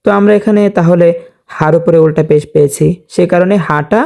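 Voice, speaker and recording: A man teaching Quran reading, spelling words out letter by letter and drawing out recited verses slowly, asking and answering his own questions for viewers. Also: on the high side, vocal fry, darkish tone. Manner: slow drawn-out recitation of verses between explanations.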